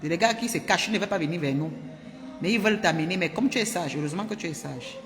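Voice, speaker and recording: A woman from Cameroon, telling her viewers a personal story in an animated, emphatic way and repeating herself often. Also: lowish voice, fast, long reverb tail. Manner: animated and emphatic, with frequent repetitions. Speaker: vlogger.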